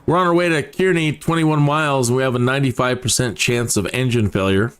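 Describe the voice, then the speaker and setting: A man's voice: mid-range voice, fairly quick. A man doing casual, playful live commentary on a flight simulator stream, rambling along in a chatty way. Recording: steady background noise.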